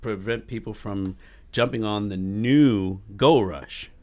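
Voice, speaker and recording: A man's voice: lowish voice, slow, darkish tone. A man giving casual, plain-spoken opinions as a podcast commentator.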